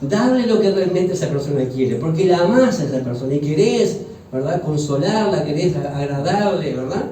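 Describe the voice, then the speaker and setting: A man's voice: on the high side, lively intonation, moderate pace, dark tone. A man with a Uruguayan accent preaching a sermon as pastor, joking and conversational, often asking the congregation questions. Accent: Uruguayan Spanish. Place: church hall. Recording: echoey church hall from far off.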